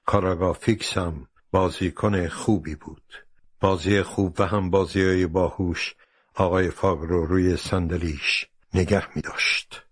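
Deep guy reading a storybook, steady and even, dry close sound. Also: husky, no room sound. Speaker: narrator. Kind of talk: storybook narration.

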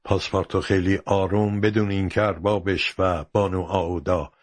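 A man narrating a storybook in a steady, measured way. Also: low-pitched, no room sound.

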